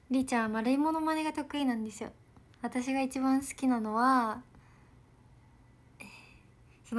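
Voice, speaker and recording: Giggly young woman chatting on a livestream. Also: high-pitched. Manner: bubbly, giggly, soft-spoken. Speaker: idol livestreamer. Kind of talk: casual livestream chat reading comments.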